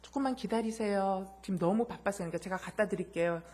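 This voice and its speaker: A woman preacher voicing a young restaurant part-timer who answers in polite, formal speech with a sharp retort. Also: medium pitch, quick pace, close to an everyday voice. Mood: indignant.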